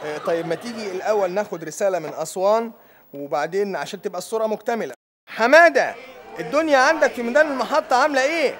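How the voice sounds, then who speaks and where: A man's voice: high voice, expressive, very fast, a bit bright. A man playing an Egyptian TV news anchor who calls on correspondents for live updates in a parody breaking-news broadcast. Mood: brisk, inquiring. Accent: Egyptian Arabic. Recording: crowd noise behind.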